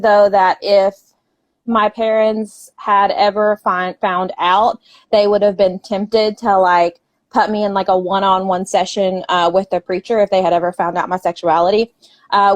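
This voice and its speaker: A woman's voice: mid-range voice, steady tone, measured pace, no room sound. A woman author from Southern West Virginia with an Appalachian accent, chatting casually in an interview, laughing often between filler words.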